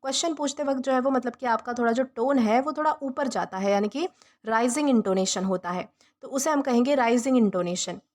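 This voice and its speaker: High-voiced woman teaching vocabulary. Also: a little fast, darkish tone. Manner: repeats and rephrases each meaning patiently. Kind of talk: vocabulary lesson explained in Hindi.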